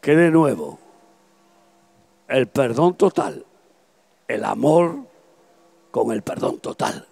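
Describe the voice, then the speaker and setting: A man in his seventies with a Spanish accent from Spain, preaching an impassioned open-air evangelistic sermon that swings between soft confiding and shouting. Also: medium pitch, animated, takes it slowly, vocal fry, pauses often, breathy edge. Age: 70s. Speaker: pastor. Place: outdoors at a campaign event.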